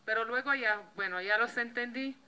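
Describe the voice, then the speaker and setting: A woman's voice: fairly high pitch, moderate pace, pushed and bright, smooth, rough recording. A young woman from Slovenia with a Slovenian accent, chatting casually to camera, filling her talk with little tag questions. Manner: chatty, lots of fillers. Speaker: vlogger.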